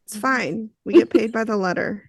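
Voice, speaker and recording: A woman's voice: medium pitch, moderate pace, slightly rough, dry recording. A woman in her thirties co-hosting a podcast in casual chat, joking, laughing often and tossing in mock-scolding asides. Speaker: podcast co-host.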